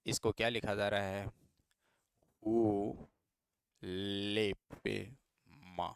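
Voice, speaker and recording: A man's voice: fairly low pitch, little pitch movement, drawn-out words, smooth, no echo, studio quality. A man teaching a reasoning lesson for exam students, patient and repeating each step as questions to his students.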